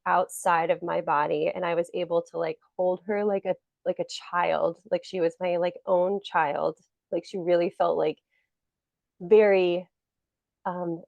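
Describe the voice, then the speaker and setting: A woman's voice: lowish voice, a little mellow, dry recording. A woman co-hosting a podcast in casual chat, rambling with lots of "like" fillers. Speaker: podcast co-host.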